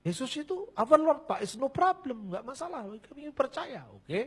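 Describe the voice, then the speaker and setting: A man's voice: very high voice, big pitch swings, moderate pace, a bit bright. A man giving a blunt, joking sermon-style talk, dropping in local phrases. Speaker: preacher.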